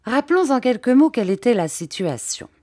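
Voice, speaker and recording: A woman reading a novel aloud as an audiobook narrator, with clear, even narration. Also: a little high, a little fast, no room sound. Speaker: audiobook reader. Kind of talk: scripted narration. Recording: dry close audiobook recording.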